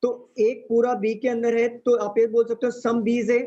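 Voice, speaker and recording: Very high-pitched with a level, warm tone at normal speed, a man teaches a live online reasoning class. He explains in steps, keeps quizzing, and blends English into Hindi. Audio from the stream is dull and lo-fi with faint noise.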